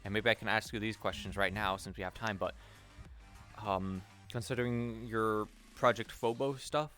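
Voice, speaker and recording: A man's voice: fairly low pitch, steady tone, moderate pace, pushed and bright, faint music behind. Rambling, swearing man in roleplay. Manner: rambling, profane, many restarts. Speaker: roleplay streamer. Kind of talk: casual in-character roleplay.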